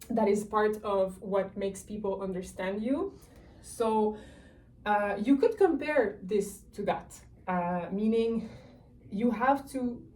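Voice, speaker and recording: A woman teaching a beginner language lesson at an unhurried, deliberate pace, patiently breaking each point down and modeling the sounds. She sits a bit back from the mic, with a faint hum of room ambience underneath. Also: medium pitch, mellow, distant mic, poor audio.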